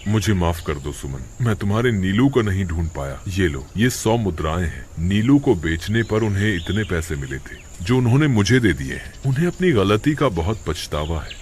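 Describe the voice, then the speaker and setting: A man voicing an honest village farmer who shouts threats and grieves in a low, heavy voice. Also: big pitch swings, moderate pace, hardly any pauses, slight background noise. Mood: sorrowful. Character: honest village farmer, stern then sorrowful.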